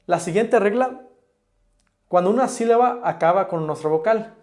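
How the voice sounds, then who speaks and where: A man presents an online English lesson in a high voice. He works through each rule patiently and step by step, pausing on example words. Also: lively intonation, darkish tone. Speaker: English teacher. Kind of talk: explaining an online pronunciation lesson.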